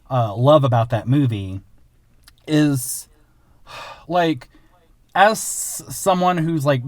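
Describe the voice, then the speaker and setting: A man from Illinois co-hosting a film podcast, talking earnestly with lots of halting fillers and frequent laughs. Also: mid-range voice, no room sound. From Illinois, USA. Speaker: podcast co-host. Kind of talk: casual film podcast chat.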